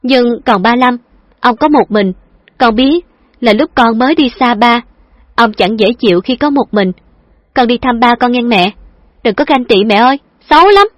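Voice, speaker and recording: A woman voicing a lively, affectionate young woman who is playful and teasing, with a chirpy, coaxing manner. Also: a little high, normal speed, dry recording, pitched above the performer's own voice, natural voice. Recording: dull lo-fi dry recording.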